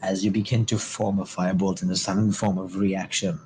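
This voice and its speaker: A man's voice: deep voice, little pitch movement, brisk, darkish tone, poor audio. A man running a tabletop game as game master, improvising narration and chatting casually. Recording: faint background noise.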